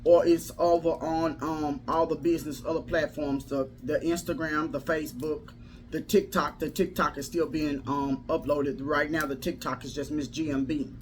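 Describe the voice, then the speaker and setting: A woman's voice: low voice, steady tone, moderate pace, darkish tone. A woman speaks as a life coach hosting a casual livestream, with faint noise in the background. Her delivery is folksy and motivational, leaning toward preaching. She repeats phrases to drive her points home.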